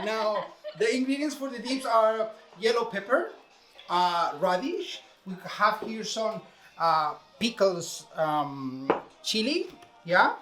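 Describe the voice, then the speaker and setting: A high, bright male voice with a forceful tone belongs to a chef from Venezuela. Speaking English with a Venezuelan Spanish accent, he explains a recipe step by step, filler-heavy, in a casual cooking demonstration.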